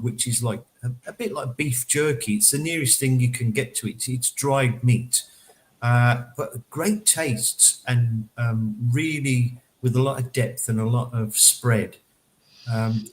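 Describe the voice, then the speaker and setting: A man's voice: medium pitch, rough recording. A man chatting casually on a panel show, rambling with lots of fillers and repeated words. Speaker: panelist reporting on a local event. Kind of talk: casual chat.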